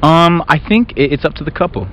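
A young man answering a campus street interview outdoors, rushing his words with stammered restarts. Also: on the high side, expressive, fairly bright tone, a little hiss or hum. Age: young adult.

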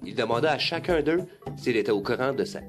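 A man reading a children's story aloud, lively and expressive. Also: medium pitch, fast talker. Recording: music bed under the voice.

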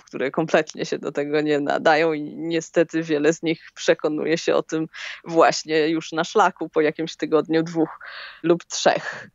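Gravelly-voiced woman explaining calmly. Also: low-pitched, dry recording, lo-fi sound. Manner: calm, thoughtful, explanatory. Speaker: long-distance hiker, guest. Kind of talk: interview answers.

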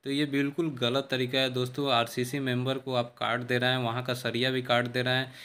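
Strolling through a half-built brick house with a handheld phone, this man, host of a civil engineering channel, explains building errors in an instructive walkthrough. He speaks in a mid-range monotone, slightly quick and fairly bright, chatting to viewers like friends and frequently starting over.

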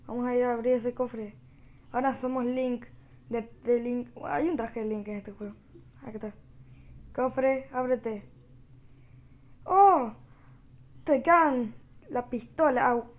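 Quiet Rioplatense woman narrating gameplay. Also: a little high. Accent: Rioplatense Spanish. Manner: talks quietly, joking and reacting to the game. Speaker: gamer. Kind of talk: gameplay commentary.

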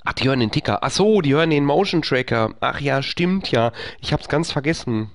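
Streaming a horror game as a let's play creator, a man talks to himself in panicky bursts, repeating phrases during live gameplay commentary. His voice is medium-pitched, animated, and brisk.

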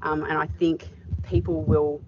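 A woman's voice: deep voice, flat delivery, a little slow. A middle-aged woman farmer answering interview questions outdoors in a paddock, thoughtful and full of fillers. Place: open farm paddock outdoors. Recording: dull audio with clear background noise.

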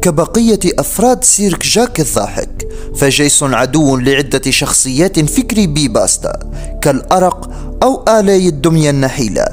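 A man's voice: on the high side, very animated, brisk. A man reading a scripted horror story as its narrator. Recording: faint music behind the voice. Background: music.

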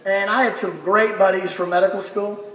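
A man's voice: high voice, flat delivery, a little fast, a little hiss or hum. A middle-aged man giving a folksy town-hall speech from a podium, building a repeated punchline. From Texas. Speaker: family doctor introducing a speaker. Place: large theater stage with crowd. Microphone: podium mic, recorded by a far audience camera. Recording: echoey hall from far off, loud crowd.

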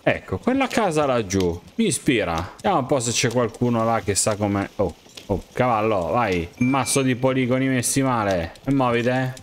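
A young man playing a game, joking and excitedly talking to the characters around him. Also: mid-range voice, normal speed, slight background noise. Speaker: gamer. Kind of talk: game commentary, role-playing as himself.

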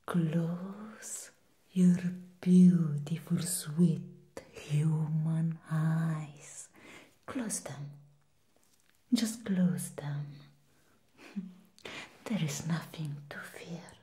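Whispering as a seductive she-devil, a woman coaxes and teases the listener the way a temptress would lure a human, and the mood is hypnotic. Her voice stays very slow, soft, dark, low and breathy.

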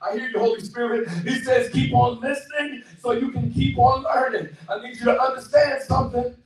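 A middle-aged male guest pastor preaching a sermon with a handheld mic in a small church hall, calling for responses and shouting exclamations. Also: very high-pitched, steady tone, fairly quick. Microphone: handheld mic, far camera. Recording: echoey hall from far off, faint music.

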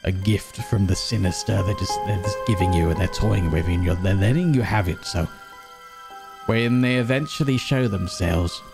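A man giving playful game commentary, talking to himself and breaking into silly high yelps. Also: moderate pace. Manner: joking, talks to himself, sudden high yelps. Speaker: gaming streamer. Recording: game music behind the voice.

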